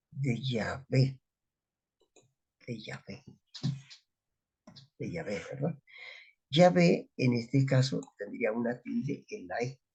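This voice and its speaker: A man's voice: mid-range voice, gravelly, darkish tone, slightly rough. A man teaching a Bible study, explaining words step by step and asking his listeners rhetorical questions.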